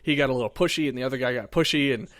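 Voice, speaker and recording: A man's voice: mid-range voice, racing, no echo. Chatty man telling a rambling story. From Iowa. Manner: rambling, animated storytelling with acted quotes. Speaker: podcast host. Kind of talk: casual chat, telling a story.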